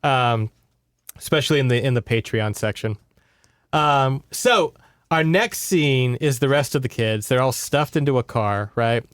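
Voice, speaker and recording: Here a male podcaster walks through a book in relaxed conversation, pausing to check in with his audience. His voice is mid-range, fairly bright and a little slow, captured with studio quality and no echo.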